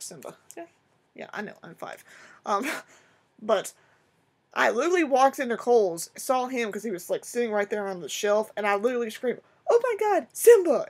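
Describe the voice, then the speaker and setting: A young woman chatting casually in a rambling, excitable way as she shows off her shopping haul to the camera. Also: medium pitch, husky. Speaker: vlogger. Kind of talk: casual haul video chat.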